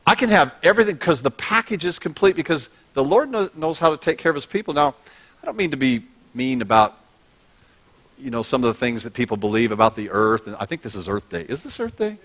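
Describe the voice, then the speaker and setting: A middle-aged male pastor delivers a sermon with an easy, joking, conversational manner, his voice sitting at an ordinary middle pitch. He speaks through a body-worn mic on a large church stage. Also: very animated, a little fast, a bit bright. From United States. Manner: humorous, conversational preaching, props in hand.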